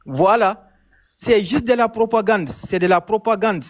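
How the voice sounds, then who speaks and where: Malian man calling in, high pitched voice, insistent, keeps repeating himself. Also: unhurried. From Mali. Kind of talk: casual chat, phone-in debate.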